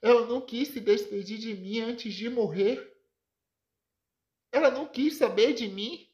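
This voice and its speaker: A woman's voice: a little high, a little slow, darkish tone, voice pushed up, lightly acted. A Brazilian woman voicing a bitter middle-aged father who fires off incredulous questions. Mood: shocked.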